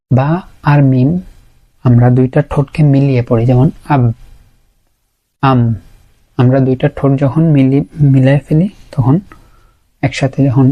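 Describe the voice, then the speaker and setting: A man's voice: mid-range voice, lo-fi sound. A man teaching Quran pronunciation in a lesson, patiently repeating each sound to show it. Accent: Bangladeshi Bengali. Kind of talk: explanatory lesson.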